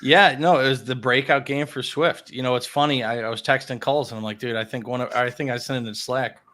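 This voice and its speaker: A man's voice: medium pitch, fairly even intonation, a little fast, a bit bright. A man hosting a casual sports podcast, upbeat and chatty, laughing easily with his co-host.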